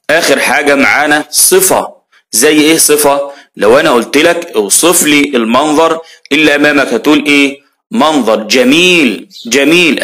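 A fairly high-voiced man with an Egyptian accent teaches grammar to young children. He keeps asking questions and answers each one himself, cheering his pupils on as he goes. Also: a bit bright. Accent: Egyptian Arabic. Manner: asks questions and answers them himself, addresses pupils as heroes. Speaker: primary school grammar teacher. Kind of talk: lively classroom explanation.

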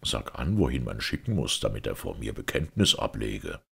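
A man voicing a stern, just caliph in a fairy-tale reading, speaking low and measured. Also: sing-song, gravelly, sharp tone, slightly rough, heavily acted. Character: stern, just male caliph, grave authority.

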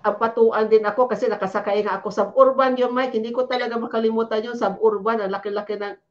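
A middle-aged woman from the Philippines, a naturopathic doctor, telling stories in an interview in a chatty, animated way full of little fillers. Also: a little high, quick pace, dull audio, a little hiss or hum. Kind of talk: Taglish interview storytelling.

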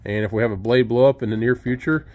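A man's voice: mid-range voice, fast talker. A man who owns a sawmill casually walks through a repair step by step, recorded outdoors on a handheld camera beside the machine. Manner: relaxed, explains step by step with fillers. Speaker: sawmill owner showing a repair. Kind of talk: casual how-to demonstration. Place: outdoors at a sawmill under an open shed.

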